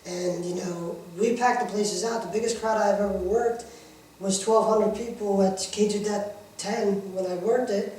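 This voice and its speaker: A man talks up a wrestling show in loose, informal interview chat. His voice is soft-edged and mellow. It comes through a very echoey room, picked up at a distance. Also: high voice, fairly even intonation, normal speed. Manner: talkative, informal, repeatedly saying "you know". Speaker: independent wrestling worker being interviewed.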